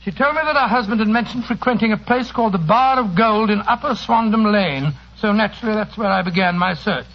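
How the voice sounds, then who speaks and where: A man with a high voice speaks a little fast with hardly any pauses, playing a genial older English doctor who fondly recounts his past adventures. His manner is avuncular and fussy, in the style of a 1940s radio drama, heard through a dull old broadcast recording.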